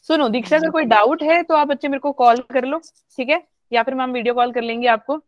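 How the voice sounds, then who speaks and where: A woman's voice: high voice, fairly even intonation, fairly quick, no echo. A woman teacher leading a live online class, chatty and coaxing, mixing English into her talk. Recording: dull lo-fi online audio.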